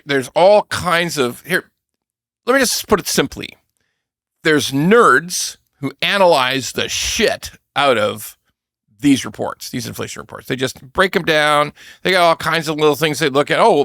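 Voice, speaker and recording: A man's voice: medium pitch, gravelly, a bit bright, no echo, clean studio sound. A middle-aged man hosting a mortgage podcast, talking bluntly and emphatically with mocking asides. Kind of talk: casual commentary.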